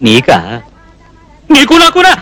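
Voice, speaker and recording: An actor playing a shy, fussy young male cook in a dubbed film comedy, scolding in a high, soft, fluttery voice. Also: huge pitch swings, full character voice. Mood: flustered. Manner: flustered, scolding, fast-talking.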